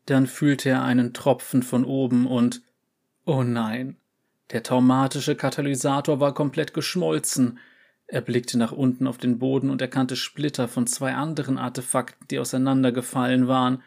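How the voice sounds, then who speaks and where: A man narrating a short story aloud in a calm, measured way. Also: medium pitch, creaky.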